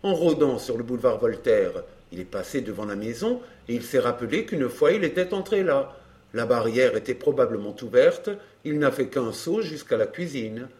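A composed gentleman lays out his reasoning in an even, measured way, as a man reads him. His voice is mid-pitched for a man. It is read like an audiobook. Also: lightly acted. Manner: measured, explanatory. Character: calm, reasoning young gentleman. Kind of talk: audiobook character reading.

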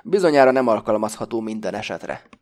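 A man's voice: lowish voice, animated, darkish tone, natural voice. A man doing a lecturing, rational man. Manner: reasoning, measured.

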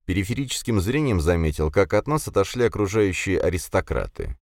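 A man narrating a first-person fantasy audiobook, expressive and acting out the dialogue. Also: low-pitched, a little fast, no room sound, clean studio sound.

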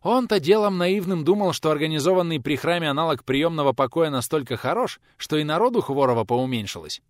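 A man reading a historical novel aloud as narrator, with expressive storytelling. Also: on the high side, brisk, no echo, clean studio sound. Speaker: audiobook narrator. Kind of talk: scripted narration.

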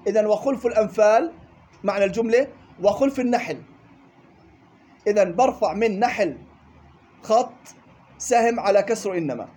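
A man's voice: high voice, moderate pace, long pauses, a little mellow. A man teaching a classroom lesson on Quran recitation rules, explaining step by step, repeating key points and checking with his students. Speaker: tajweed teacher.

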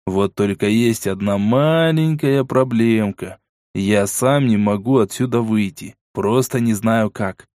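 Man voicing a gruff, sardonic armed man. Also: takes it slowly, a little mellow, no echo, clean studio sound. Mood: gruff, wry. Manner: curt, low and sardonic. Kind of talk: audiobook character voice.

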